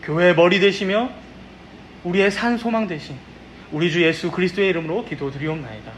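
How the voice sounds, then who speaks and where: A man, a pastor, leading his congregation in a slow, reverent, formal prayer during a Sunday service. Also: sits high, fairly bright tone, a little hiss or hum. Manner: measured, reverent, formal church diction. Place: church sanctuary.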